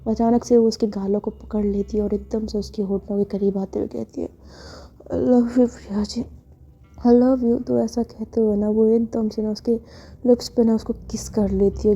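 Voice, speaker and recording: A woman's voice: medium pitch, dark tone. Chatty woman narrating a romance story. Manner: conversational, filler-heavy narration. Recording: dull lo-fi audio over music.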